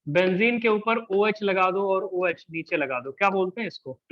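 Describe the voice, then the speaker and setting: A man teaches a live chemistry class in a fairly high voice. He keeps up a teasing, chatty patter and keeps asking whether the students follow. The classroom recording sounds muffled and lo-fi. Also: normal speed.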